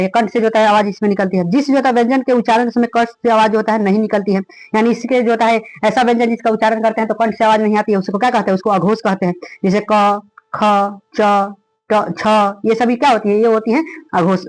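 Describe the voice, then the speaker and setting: A man with a Bihari Hindi accent runs through an exam revision lecture in a very high, rapid voice. He fills his speech with stock phrases and poses questions that he answers at once. The room sounds small and dead, with no echo at all. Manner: rhetorical questions answered himself, heavy filler phrases. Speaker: teacher.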